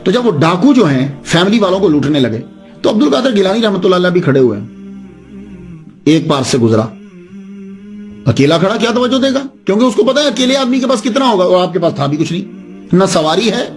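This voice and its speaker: A man's voice: high-pitched, animated, pauses often, soft background music. A man preaching a sermon, telling a story with dramatic delivery and voicing the characters in turn.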